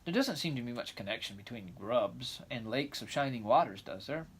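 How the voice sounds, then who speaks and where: A man's voice: medium pitch, expressive, a bit bright, a little hiss or hum. A man voicing an eager, dreamy orphan girl of about eleven in a storybook, chattering breathlessly and gushing. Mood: eager curiosity. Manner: breathless, gushing, rapid rambling.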